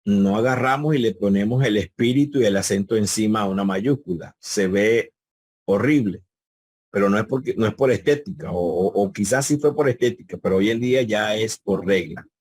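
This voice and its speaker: A male teacher gives a live class over a video call in a low, slightly husky voice. He repeats key words patiently and throws questions to his students. The sound is dry and close. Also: moderate pace, darkish tone, no echo. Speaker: Greek teacher.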